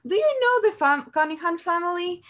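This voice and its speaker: A woman doing her excited father. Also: very high voice, brisk, voice pushed up. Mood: eager. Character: eager talkative father, middle-aged man.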